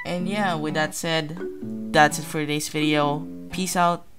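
Over music, a young gaming-channel host talks his way through gameplay in a loose, slang-filled, chatty style, reasoning out loud. He sounds a little high, keeps a level tone, and goes a little slow.

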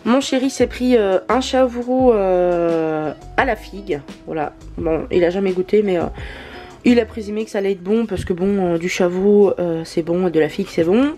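Chatty woman with a mellow voice. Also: medium pitch. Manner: chatty, many hesitant fillers. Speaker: vlogger. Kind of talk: casual haul vlog.

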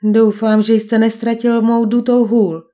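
A woman's voice: fairly high pitch, little pitch movement, warm tone, natural voice. A woman voicing a cool young male detective held captive, answering his captor in a dry, unflappable banter in an audiobook. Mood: wry. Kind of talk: audiobook character voice.

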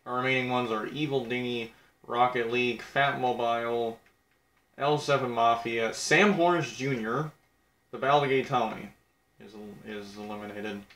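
A young man rattling off game eliminations in a blunt, crude, self-mocking way, his voice sitting at an ordinary middle pitch. The recording picks up a noticeably echoey room around him. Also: fairly even intonation, unhurried, fairly bright tone. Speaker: game commentator. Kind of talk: casual game commentary.

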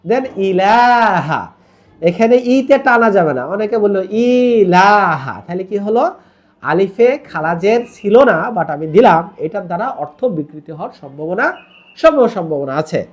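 An online Quran teacher from Bangladesh, this man teaches tajweed with a high, expressive voice at a brisk pace. He patiently explains the rules and demonstrates Arabic pronunciation by drawing out vowels, mixing in English words.

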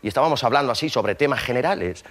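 A man performing a comic stage monologue, an animated storyteller who drops in mouth sound effects and chatty tag questions. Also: mid-range voice, racing. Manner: conversational, with frequent tag questions. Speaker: stand-up comedian. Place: theater stage.

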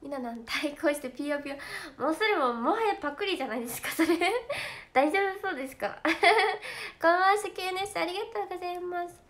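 A young woman with a Kansai accent chats casually to fans on a livestream. Her voice sits very high, and she is giggly and talkative, often slipping into quick impressions of her friends. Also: a bit bright. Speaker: idol trainee streaming to fans.

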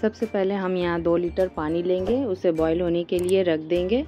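A woman hosting a cooking channel, calmly talking through a recipe step by step in a voice-over, with small hesitations. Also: lowish voice, moderate pace, over music. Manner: calm step-by-step instruction with hesitations.

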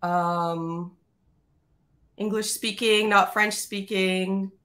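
Chatty guest from Canada, a woman with a mid-pitched voice, telling stories over a video call. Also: steady tone, very slow, a bit bright. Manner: chatty, storytelling, many fillers. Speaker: guest, tech editor. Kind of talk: casual chat.

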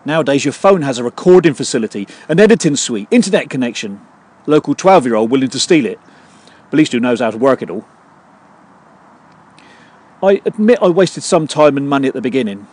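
A man hosting his own podcast, delivering a scripted comedy monologue in a dry, deadpan way full of puns. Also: medium pitch, a little fast, pauses often. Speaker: podcast host.

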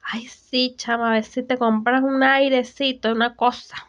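Dramatic, chatty Venezuelan young mother, woman actor, high, slow, lo-fi and dry. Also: flat delivery, a bit bright, no echo, close to an everyday voice. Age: young adult. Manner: drawn-out, theatrical, sighing "ay" complaints. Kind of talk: comedic student film acting. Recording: dull, dry, lo-fi.

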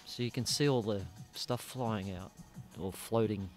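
Faint music plays behind an Australian man hosting a casual podcast in a small, dim studio, wearing headphones and speaking into a boom-arm studio mic. His fairly low voice is unhurried as he rambles and swears freely.

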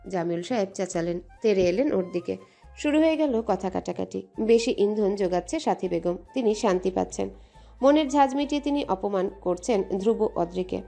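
A woman narrating an audio love story with steady, expressive storytelling. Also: mid-range voice, normal speed, creaky, faint music behind. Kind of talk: scripted dramatic narration.

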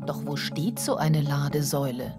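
Over background music, a low-voiced woman with a standard German accent narrates a scripted TV documentary, speaking at a normal speed.

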